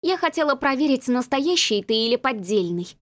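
A woman reading a story and voicing a sharp-tongued, easily rattled young woman in an indignant, sarcastic manner. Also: high voice, very animated, moderate pace, voice pushed up.

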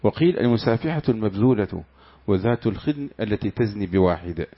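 A man with a fairly low voice reads a classical commentary aloud at a quick pace. Between passages he answers his teacher with short amens. The recording sounds dull and lo-fi. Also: animated. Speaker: student reading the text aloud.

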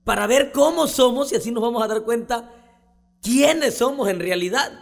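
A man's voice: very high voice, normal speed, gravelly, pitched above the performer's own voice. A comedian voicing a scheming male skunk in a joke, with a Costa Chica Mexican accent. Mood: sly. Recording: reverberant recording with salsa music.

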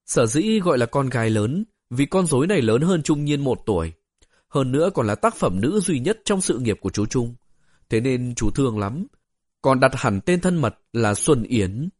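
A man reads a story aloud at a middle pitch, steady and even. His voice is close and dry, with no room sound at all. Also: moderate pace, no room sound. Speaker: audiobook narrator. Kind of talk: storybook narration.

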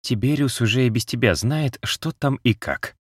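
A man's voice: medium pitch, moderate pace, no room sound, studio quality, voice pushed up, close to an everyday voice. A man reading an audiobook, voicing a harsh, cold-spoken male talking cat with a curt, biting manner. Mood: scornful. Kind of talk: audiobook character voice.

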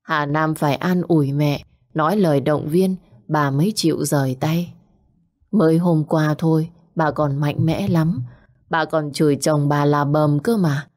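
A woman telling an audio story as a narrator, in a slow and somber way. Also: sits low, a little mellow.

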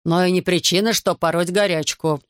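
A man voicing a gruff, suspicious middle-aged army major who talks bluntly. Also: sits high, steady tone, brisk, fairly bright tone, dry recording, clean studio sound. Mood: wary.

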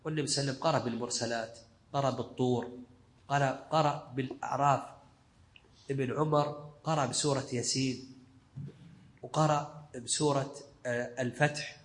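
A man's voice: mid-range voice, fairly even intonation, fast, long pauses. A male sheikh giving a scholarly lesson commentary, explaining in short, repeated phrases. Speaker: sheikh teaching a fiqh text.

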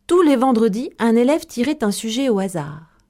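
A woman storyteller narrating a tale in a measured, expressive way. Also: on the high side.

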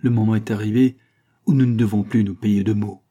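A man reading a novel aloud voices a brave young man, steady, earnest and defiant. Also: fairly low pitch, a little fast, close to an everyday voice. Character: brave young male hunter, protective. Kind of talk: audiobook character reading.

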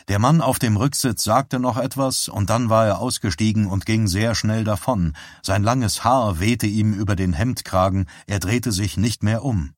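In steady, measured storytelling, a man reads scripted narration for an audiobook. His voice is on the low side, and the sound is dry and clean, studio quality.

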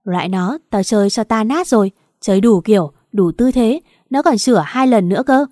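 A woman's voice: mid-range voice, expressive, moderate pace, warm tone, no echo, clean studio sound, lightly acted. A woman voicing a brutish young man who swears and threatens, in a coarse, menacing way.

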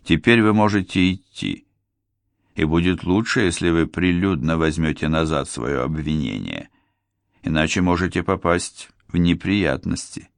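A man reading an audiobook voices a composed lawyer who speaks calmly, politely and firmly. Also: low voice, vocal fry, no room sound, clean studio sound, heavily acted. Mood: cold. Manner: calm, measured and firm. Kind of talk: audiobook character voice.

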